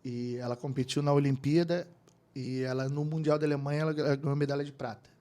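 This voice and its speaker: Speaking at a quick pace with a medium-pitched voice, a middle-aged Brazilian keyboardist and producer shares stories as a guest in a casual interview. His anecdotes are animated, packed with quoted voices and laughter.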